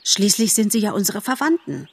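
A woman's voice: mid-range voice, sing-song, brisk, gravelly, husky, exaggerated voice. A woman voicing an earnest young male deer who soothes his mate and tries to act brave, in a storybook reading. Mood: coaxing. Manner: coaxing, earnest.

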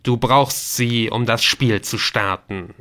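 A man voicing a mysterious computer game that speaks in slow, loud, solemn pronouncements. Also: mid-range voice. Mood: solemn commanding.

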